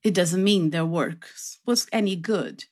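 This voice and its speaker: In an unhurried, lowish and slightly mellow voice, a Brazilian-accented woman from southern Brazil recalls her life. She is a classical singer speaking conversationally as an interview guest.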